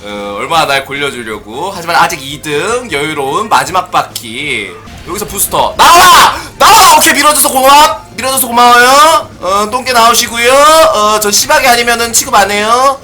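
A man giving playful let's-play commentary on a racing game, often shouting excitedly. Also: high-pitched, moderate pace, hardly any pauses, soft background music. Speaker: gaming streamer.

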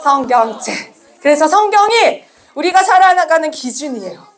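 A woman children's minister giving a sermon to small children with slides, lively and asking them questions. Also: sits high, moderate pace.

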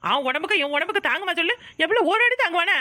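A woman with a Kanyakumari Tamil accent voicing a loud, hot-tempered village mother in a cartoon, scolding and shouting. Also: very high-pitched, expressive, very fast, no echo, studio quality, exaggerated voice. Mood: quarreling. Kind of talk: cartoon voice acting.

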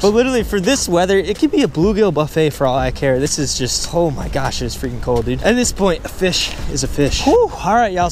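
Chatty and excitable, a young Delaware man vlogs about fishing on an action camera, held in hand or chest-mounted, at a windy spillway, plus a store and a parked car. His pitch is fairly high, and wind noise is audible.

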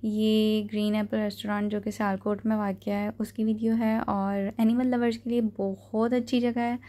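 Young woman vlogging, easygoing and unhurried, lots of umms, pretty monotone. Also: mid-range voice. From Pakistan. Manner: relaxed, hesitant with many fillers. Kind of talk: casual voice-over review.

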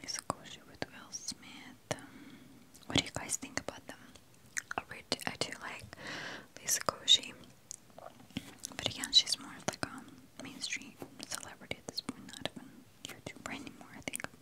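A woman whispering throughout in a breathy ASMR style, musing aloud in a tentative, unhurried way as she compares products, close to the mic. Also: rough recording. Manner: talks with a candy in the mouth. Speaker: ASMR video creator.

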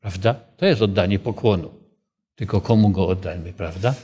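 Leading a Bible study group, a man speaks at normal speed in a low-pitched, husky voice with a dark tone. He keeps it conversational, putting questions to the group and sharing a personal story.

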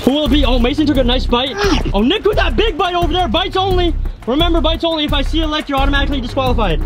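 High-pitched young man hosting a challenge vlog. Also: expressive, rapid-fire. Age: young adult. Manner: playful, teasing. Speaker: challenge host. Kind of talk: excited vlog commentary. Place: outdoors by a backyard pool. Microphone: handheld camera at arm's length. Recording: loud background music.

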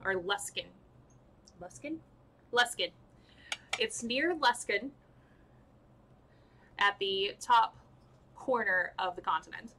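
Slow, bright-voiced woman running a tabletop game. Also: mid-range voice, animated, slight background noise, rough recording. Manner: halting, filler-heavy, laughing at her own slips. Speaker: dungeon master. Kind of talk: narrating a tabletop game on a live stream.

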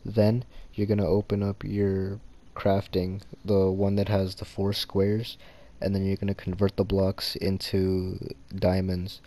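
A man narrating a casual gaming tutorial in a monotone, low-energy late-night delivery. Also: measured pace.

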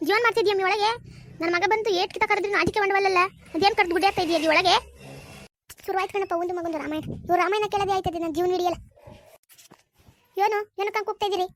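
A performer voicing a sharp-tongued village wife, scolding rapidly in a cartoon. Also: extremely high pitch, fairly even intonation. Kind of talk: cartoon voice acting.

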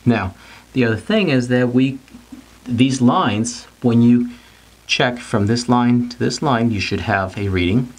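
Speaking at a measured pace with a breathy edge, a middle-aged man with a medium-pitched voice explains things informally at a whiteboard. He is a technical instructor who stays plain-spoken, going step by step and restating his points in different ways.

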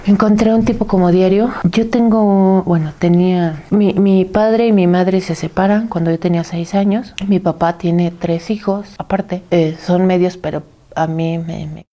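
A middle-aged woman with a Mexican accent, a bereaved mother giving a halting, tearful testimony that often sinks to a whisper. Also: lowish voice, steady tone, dark tone. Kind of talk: personal testimony.

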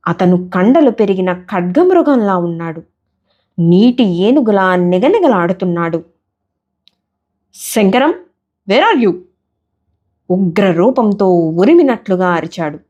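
Female storyteller, unhurried, comic family story narration. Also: medium pitch. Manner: slow, expressive storytelling.

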